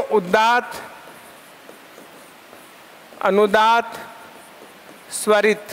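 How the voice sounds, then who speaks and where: A man with a strikingly high voice teaches a Sanskrit class. He fires questions at his students and supplies the answers, running through long repeated lists of terms. He also dictates definitions slowly so that they can be written down. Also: a bit bright, clean tone. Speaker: Sanskrit school lecturer teaching online.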